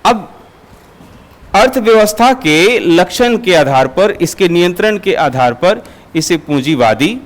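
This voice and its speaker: Guy teaching a class, bit high voice, keeps asking the room stuff, uses everyday examples. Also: expressive, slow pace. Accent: Hindi. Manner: asks students questions and answers them. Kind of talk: classroom lecture.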